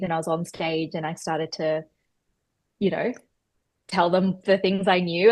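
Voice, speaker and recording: Woman, 30s, chatty storyteller, lowish voice, dry close recording. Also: dry recording. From Australia. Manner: chatty, animated storyteller with many fillers and self-corrections. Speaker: guest, personal stylist. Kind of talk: podcast interview storytelling.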